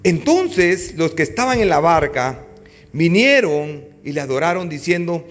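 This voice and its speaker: A man's voice: very animated, unhurried. A man preaching a sermon as pastor, in a dramatic style that rises and falls. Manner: dramatic preaching with sweeping pitch swings.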